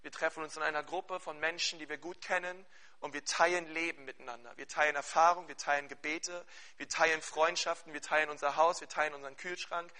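Guy pastor preaching, high and super bright voice, keeps asking the crowd stuff. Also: brisk. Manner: animated preaching with questions to the congregation; fervent spoken prayer. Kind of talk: sermon.

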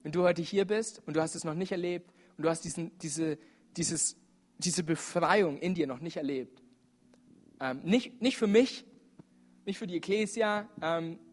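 A man's voice: fairly high pitch, fairly even intonation, measured pace. A man preaching a sermon at a church service, earnest and urgent, with frequent fillers as he appeals to his listeners.

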